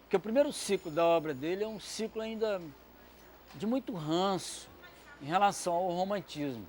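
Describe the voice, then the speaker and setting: Male literature commentator, slightly raised pitch, rambling, hedging asides, light hiss behind. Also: moderate pace, darkish tone. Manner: discursive, many asides and fillers. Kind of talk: educational talk.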